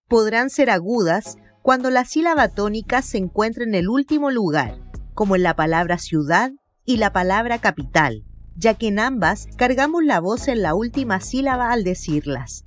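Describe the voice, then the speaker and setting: A woman narrates a scripted lesson in a clear, deliberate teaching voice. Her pitch moves a lot, keeping the explanation lively. Soft music plays faintly behind the voice-over.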